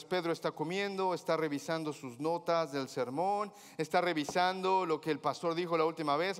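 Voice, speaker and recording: A man preaching as a pastor, telling a story with humor and acting out the dialogue of its characters. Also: fairly high pitch. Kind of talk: sermon. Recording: hall reverb.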